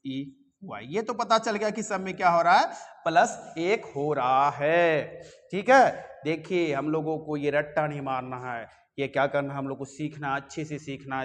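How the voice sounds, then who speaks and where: A man leads a reasoning class in a coaching classroom, his voice sitting a little high. He coaxes the students and checks often that they understand. The mic is some way off, so the room's reverb rings behind him. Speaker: reasoning teacher. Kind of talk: classroom lecture.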